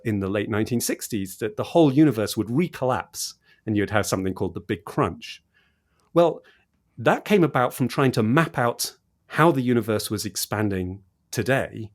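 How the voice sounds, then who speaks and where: He has a medium-pitched, slightly mellow voice. As a podcast guest, this cosmologist explains science conversationally, eagerly, and with repeated emphasis.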